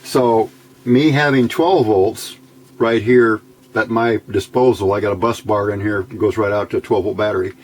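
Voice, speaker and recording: A man with a somewhat low voice and steady tone walks through a relaxed, hands-on electronics demonstration indoors at a workbench, his pace moderate. As an electronics hobbyist presenter, he muses informally in short phrases, captured on a noisy home video.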